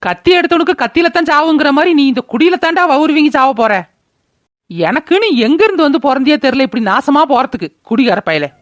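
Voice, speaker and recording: A woman's voice: high-pitched, expressive, fairly quick. A woman voicing a bitter old village mother-in-law who wails and curses, in a cartoon. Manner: wailing, cursing laments. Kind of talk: cartoon voice acting.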